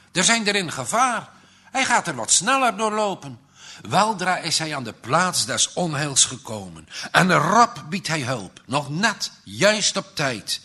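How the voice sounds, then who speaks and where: A man tells a moral children's story in a slow, dramatic way, his husky voice rising to bright, forceful peaks and dropping to a hush. His pitch sits fairly high for a man and moves in wide, animated sweeps. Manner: dramatic, with sudden swells and hushes.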